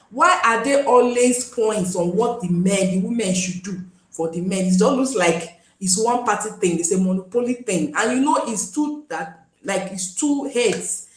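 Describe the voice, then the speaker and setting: A woman's voice: medium pitch, reverberant, rough recording. A Nigerian woman hosting a live stream, chatting casually and pleading with viewers to join. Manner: pleading, chatty, switches into pidgin.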